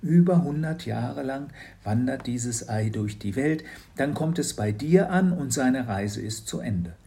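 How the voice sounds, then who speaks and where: A man voicing a kindly, dreamy older woman shopkeeper in a children's audiobook, speaking gently with a lifted voice. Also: mid-range voice, expressive, measured pace, creaky, a little hiss or hum. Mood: gentle. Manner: gentle, musing.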